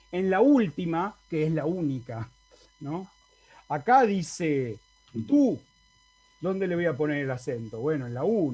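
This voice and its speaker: Slow, mellow-voiced male Latin teacher. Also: on the high side. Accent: Argentine Spanish. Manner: explanatory, asks the class for confirmation. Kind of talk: online lecture. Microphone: video call.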